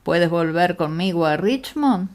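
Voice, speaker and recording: Una mujer que lee en audiolibro a un detective ciego, caballero sereno y de trato amable y algo burlón. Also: female voice, lowish voice, lively intonation, unhurried, darkish tone. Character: blind gentleman detective, calm and dry.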